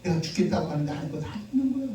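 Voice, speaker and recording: A male pastor preaching a sermon with animated call-and-response delivery that rises into shouts. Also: a little high, rapid-fire, heavy reverb, far from the mic, low-quality recording. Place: church sanctuary.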